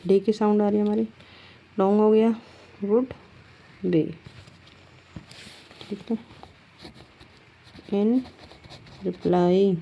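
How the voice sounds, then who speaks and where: A woman's voice: medium pitch, creaky, dark tone. A woman teaching a shorthand lesson step by step, patiently asking her students questions and then answering them herself, drawing out words as she writes. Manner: drags out words while writing.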